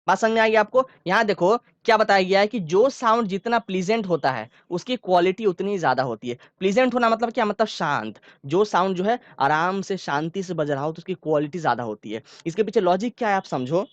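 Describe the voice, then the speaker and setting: This male science teacher talks in a high, animated voice, fairly quickly and with few pauses, walking school students through the material in an online lecture. He's informal, repeats key phrases, and often checks their understanding; the recording is dry and muffled.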